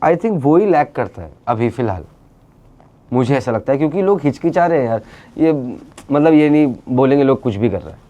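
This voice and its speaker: A man speaking as an interview guest, talking in an animated, casual way and dropping English phrases into his speech. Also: mid-range voice, normal speed, dull audio. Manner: animated, mixes English into speech, many fillers. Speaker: interview guest, actor and creator.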